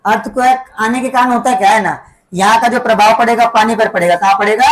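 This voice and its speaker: A woman with a slightly high voice teaches a school lesson. She explains in small steps and keeps pausing to fire repeat-back questions at the class, tagging nearly every sentence with a quick check-in. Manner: tags sentences with "है ना" and "ठीक है बेटा".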